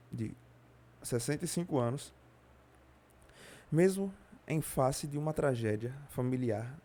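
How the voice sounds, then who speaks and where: A man with a Brazilian Portuguese accent reads a nonfiction audiobook in a dark, mellow voice. His delivery is steady and plain, with a few slips he stops to correct. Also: mid-range voice. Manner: steady reading with occasional slips and self-corrections. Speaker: audiobook reader. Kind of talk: reading a nonfiction audiobook aloud.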